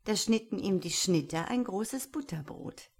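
A woman reading a fairy tale aloud in a calm, even storytelling manner. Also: mid-range voice, measured pace.

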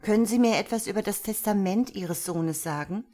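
A woman voicing a seasoned female police detective, speaking in a brisk, matter-of-fact way. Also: medium pitch, mellow, lightly acted. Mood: formal.

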